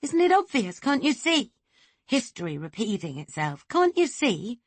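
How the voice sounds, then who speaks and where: A woman's voice: fairly high pitch, sing-song, no room sound, pitched above the performer's own voice. Woman voicing a gabbling agitated teenage girl. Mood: pleading. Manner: fast, breathless, insistent.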